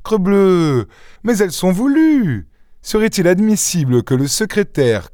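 A man reading an audiobook voices a boastful, witty gentleman thief with theatrical exclamations. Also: mid-range voice, no echo, clean studio sound, close to an everyday voice. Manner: theatrical, exclaiming, mock-indignant.

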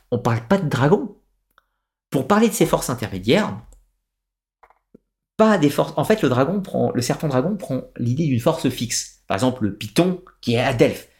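A man talks on a live stream, working through his explanations with many pauses and restarts. His voice sits at an ordinary, middle pitch for a man. He answers viewers' comments as he goes. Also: a little mellow. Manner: digressive explainer with frequent hesitations.

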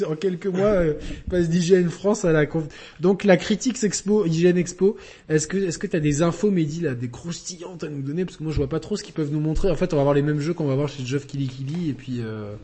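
A male podcast host with a somewhat high, husky voice and a mellow, dark tone. He chats about games in a lively, joking way, throwing in quick asides. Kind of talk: casual gaming chat.

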